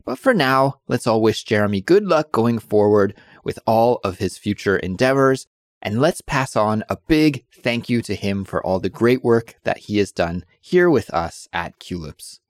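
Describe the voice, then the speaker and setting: Guy hosting an english learning podcast, lowish voice, dry close sound, calm and clear. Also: moderate pace, no room sound. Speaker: podcast host. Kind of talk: scripted announcement and casual interview.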